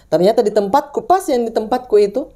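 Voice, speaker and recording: Animated and quick, with a warm tone, this Indonesian woman spins a ghost story in casual chat. She wanders and restarts a lot, voicing the characters in a high pitch.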